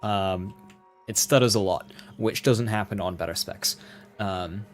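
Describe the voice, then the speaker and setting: A man's voice: lowish voice, measured pace. Man streaming games, music behind him. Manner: chatty, addresses viewers directly. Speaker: game streamer. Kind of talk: casual live gameplay commentary.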